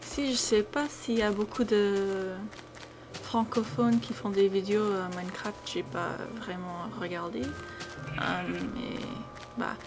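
With a steady tone and slow pace, a young American gaming video creator speaks in a mid-range voice, offering casual, off-the-cuff commentary that hesitates and frequently trails off. She is a native English speaker, and video game sounds run through her noisy home recording.

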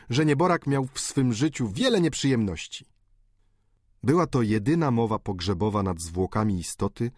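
Expressive male audiobook narrator. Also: on the low side, no room sound, studio quality. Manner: expressive, measured. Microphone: studio microphone.

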